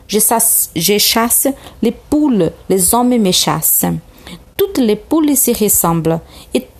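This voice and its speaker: A woman with Portuguese as her first language voicing a lonely, wise fox in a slow, gentle read-aloud of a storybook. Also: medium pitch.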